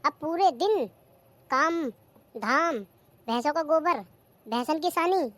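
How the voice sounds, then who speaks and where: A performer voicing a bossy, sharp-tongued old village mother-in-law in a cartoon comedy, nagging and taunting. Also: sits high, lively intonation, slow pace, no echo, full character voice. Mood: scolding. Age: older. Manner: nagging, taunting, complains about the old days.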